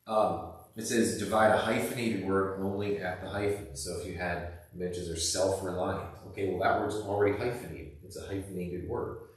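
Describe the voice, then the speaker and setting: Male teacher, low voice, loose chatty explaining, booming classroom echo. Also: fairly even intonation, moderate pace. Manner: casual, rambling explanation with many fillers. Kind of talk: recorded classroom lesson. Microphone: camera across the room. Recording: echoey room, distant camera mic.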